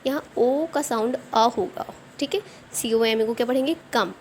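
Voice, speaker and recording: A woman's voice: fairly high pitch, moderate pace, a little hiss or hum. Patient Indian woman teaching phonics. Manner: patient, asks questions and answers them herself. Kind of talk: online phonics lesson for children.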